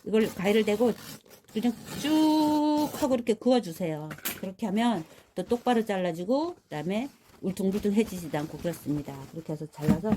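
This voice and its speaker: A woman's voice: medium pitch, warm tone, slight background noise. A woman, a florist, giving a casual hands-on tutorial and chatting viewers through each step while she works. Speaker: florist demonstrating flower wrapping. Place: rural home.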